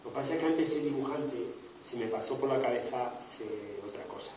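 A man from Spain tells jokey stories to schoolchildren and acts out the voices as he goes. He sits well back from the mic, and his voice rings through a very echoey room. A loud crowd of children fills the background. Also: mid-range voice, brisk, far from the mic. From Spain, Extremadura. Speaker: illustrator visiting a school. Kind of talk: storytelling talk to schoolchildren. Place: school hall or classroom.

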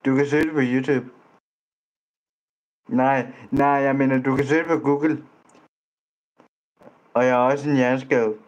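A male vlogger in casual online chat, speaking at a middle pitch. He is blunt and teasing, and he stumbles and restarts his sentences as he goes. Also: steady tone, long pauses, darkish tone, dull audio. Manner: blunt, teasing, trips over words and restarts. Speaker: vlogger chatting with strangers online.

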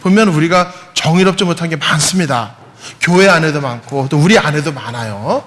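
Korean priest preaching in a reverberant church. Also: male voice, on the high side, fairly quick, fairly bright tone. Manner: conversational preaching, often asks the congregation to respond. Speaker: pastor. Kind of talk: sermon. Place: large church hall. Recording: roomy church hall with long reverb, faint background hum.

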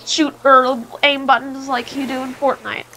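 A woman's voice: high-pitched, level tone, normal speed, sharp tone, slight background noise. A young woman hosting a gaming video, teasing and coaching her mother through the game. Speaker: gaming channel host. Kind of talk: casual gaming video commentary.

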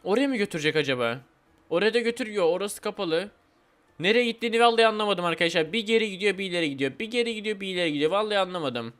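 High-voiced man doing playful game commentary. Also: expressive, very fast, fairly bright tone. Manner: playful, whiny, says "abi" and "vallahi" often. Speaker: gaming channel host.

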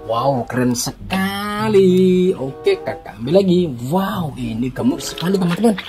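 A woman's voice: on the low side, animated, unhurried. Casting: female kids' toy video host, very swoopy delivery, playful party-magician exclamations, music behind. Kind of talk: scripted-sounding kids' toy reveal narration with magic-word exclamations.

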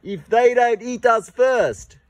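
Comic skit: fussy, overdramatic doll husband, played by a man, high voice. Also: expressive, slow, heavily acted. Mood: fretful. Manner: overwrought, theatrical. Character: melodramatic doll man lost on safari. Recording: faint music behind.

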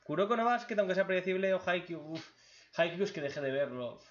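This is a casual chat where a joking, blunt man answers viewer questions with crude humor after reading them out. He's expressive and quick, his voice sitting a little high for a man. The sound is dull and lo-fi.

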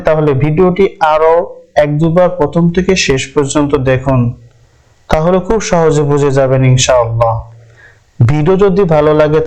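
A man giving a step-by-step Quran reading lesson, patient and repeating each rule slowly. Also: a little high, darkish tone, clear, resonant tone, poor audio.

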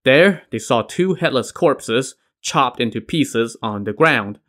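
A man's voice: mid-range voice, lively intonation, takes it slowly, a bit bright. A man narrating a classic tale as a podcast host, in a wry tone with dry asides. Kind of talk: storytelling narration.

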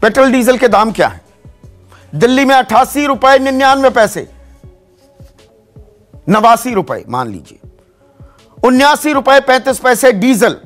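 Male studio anchor, very high voice, brisk listing of figures, lapel mic. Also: big pitch swings, fairly bright tone, soft background music. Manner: reeling off price figures briskly. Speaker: television news anchor. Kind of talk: studio news presentation. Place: TV news studio.

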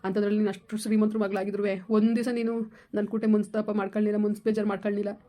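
A man's voice: high voice, little pitch movement, racing, warm tone. A man, talking with his wife in a casual family chat, earnest and lamenting. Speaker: husband in a family vlog. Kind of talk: casual heartfelt family talk.

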